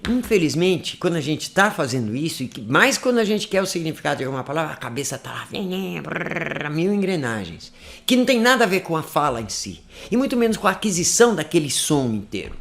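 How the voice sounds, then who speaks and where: A man teaching an online class, speaking close to the mic in a playful, lively way that often drops to a soft, intimate voice. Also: a little high. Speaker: English teacher. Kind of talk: online lesson talk. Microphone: close to the microphone.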